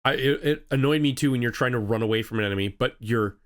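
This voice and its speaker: A man co-hosting a gaming podcast in a middle-pitched voice. He is easygoing and agreeable, dropping short nods and then rolling into longer complaints about a game. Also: quick pace. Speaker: podcast co-host. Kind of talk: casual gaming chat.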